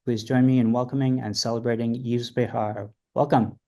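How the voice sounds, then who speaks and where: Male podcast host, brisk and upbeat, mid-pitched, working through a list of questions. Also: flat delivery, creaky, warm tone. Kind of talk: interview hosting.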